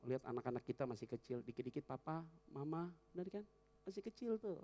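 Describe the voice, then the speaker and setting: A pastor preaching a sermon in church, swinging between fervent loud passages and hushed, prayerful ones. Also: male voice, medium pitch, very animated, fast talker, long reverb tail.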